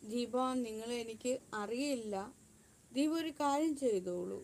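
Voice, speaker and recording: A woman's voice: on the high side, lively intonation, measured pace, darkish tone. A woman in a defiant vlog monologue who repeats herself and speaks of herself in the third person. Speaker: YouTube channel owner.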